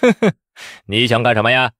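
A man voicing a greedy, cowardly male exam official who mocks candidates with a shrill, sneering voice. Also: big pitch swings, normal speed, dry recording, studio quality. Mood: scornful. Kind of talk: storytelling voice acting.

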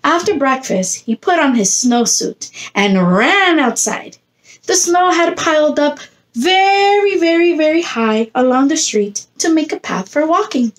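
Unhurried and expressive, a preschool teacher in her thirties reads a picture book aloud in a high-pitched voice, drawing young children in with questions and prompts. The setting is an indoor room with a plain textured wall behind her.

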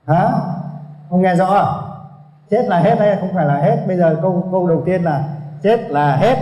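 A man's voice: high-pitched, moderate pace, dark tone. A man giving a Buddhist dharma talk to a seated audience, prodding them with questions and asking for a show of hands. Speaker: Buddhist monk teacher. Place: hall with audience. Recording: echoey hall, dull lo-fi sound.

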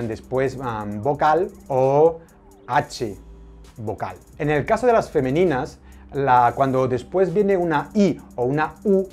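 An online Spanish teacher, explaining a language lesson in a methodical way, pausing often with hesitant fillers. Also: mid-range voice, darkish tone.

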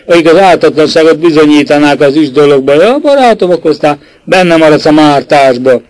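A man doing a sly, pushy rich gentleman. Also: a little high, expressive, no echo, lightly acted, poor audio. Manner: sly, insistent questioning. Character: cunning rich older gentleman, mocking and pushy.

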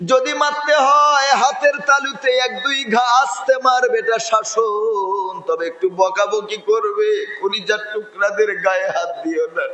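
Bengali-accented male preacher, very high bright voice, tearful and impassioned, echoey reverberant hall. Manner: tearful, impassioned preaching, swinging between loud cries and soft pleading. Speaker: Islamic preacher. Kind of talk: emotional sermon. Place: religious gathering in a large hall.

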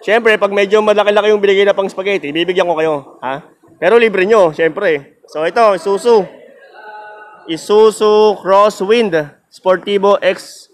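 With a sore throat and a high-pitched voice that runs a little slow, a Filipino-accented man vlogs his casual tour of a used car lot. Chatty and joking, he laughs a lot along the way.

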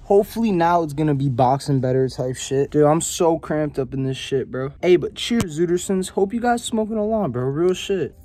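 A man's voice: fairly high pitch, normal speed, few pauses, mellow. Young man with a stoner drawl. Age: young adult. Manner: stoner drawl, hazy and rambling. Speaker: vlogger. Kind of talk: casual slangy chat to camera. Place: small enclosed pillow fort indoors.

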